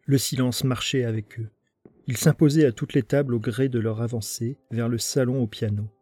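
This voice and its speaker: A man narrating a dramatic story in an expressive, theatrical way. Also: medium pitch, moderate pace, slightly rough.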